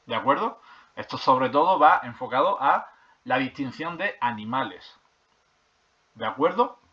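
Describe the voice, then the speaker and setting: A man's voice: medium pitch, animated, unhurried. A man, teaching primary school grammar. He goes over each point more than once and keeps checking in with "¿vale?" and "¿de acuerdo?", hesitating as he reads from the textbook. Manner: hesitant with fillers and restarts while reading from a textbook. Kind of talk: classroom explanation of grammar. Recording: slightly dull lo-fi recording.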